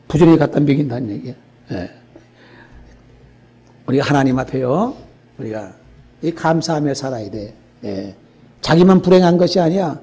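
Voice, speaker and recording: An older man preaching a sermon as pastor, telling a story in an animated way and often checking in with the congregation. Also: fairly high pitch, breathy edge.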